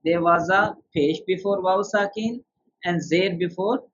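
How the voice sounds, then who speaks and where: A man's voice: high voice, unhurried, fairly bright tone, a little hiss or hum. A man teaching beginner Quran tajweed, explaining rules step by step and quizzing his student with questions. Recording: dull lo-fi sound.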